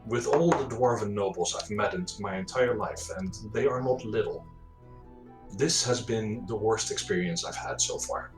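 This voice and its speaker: Low lively robot dude, a man doing him, flat and rude, roomy mic, music under. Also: normal speed, natural voice. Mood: deadpan. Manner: deadpan, stiff and blunt. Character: blunt sentient robot, deadpan and rude.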